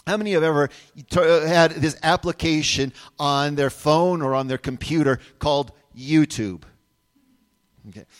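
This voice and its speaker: A man's voice: on the high side, big-room sound. A middle-aged man preaching a sermon to his congregation, conversational, with frequent restarts and asides to the listeners. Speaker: pastor.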